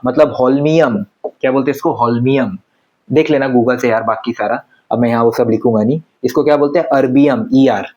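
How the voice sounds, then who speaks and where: Guy teaching chem, keeps asking the class stuff then answering it himself, middle-pitched voice. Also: darkish tone, lo-fi sound. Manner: conversational, asks students quick questions and answers them himself. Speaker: chemistry teacher. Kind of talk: classroom lecture.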